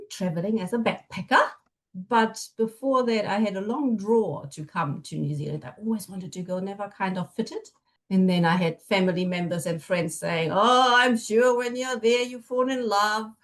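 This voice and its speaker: A middle-aged woman with a German accent and a medium-pitched voice talks at normal speed. She's a family constellation facilitator appearing as a podcast guest, chatting casually and sharing personal stories.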